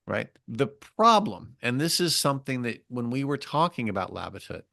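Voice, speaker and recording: A man's voice: mid-range voice, sing-song, moderate pace, vocal fry, bright, forceful tone, dry recording, studio quality. A man co-hosting a podcast in a casual academic discussion, talking emphatically with wry, sarcastic asides and repeated key phrases. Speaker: podcast co-host.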